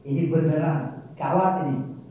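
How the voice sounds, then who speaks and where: A man teaching a Quran study circle in an animated, joking, colloquial way. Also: fairly high pitch, normal speed. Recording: echoey hall, mic far off.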